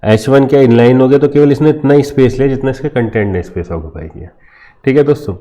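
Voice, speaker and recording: Mellow-voiced man teaching a coding lesson. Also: mid-range voice, fast talker, dull audio. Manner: explains step by step, asks and answers imagined student questions. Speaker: programming teacher. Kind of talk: screen-share coding tutorial.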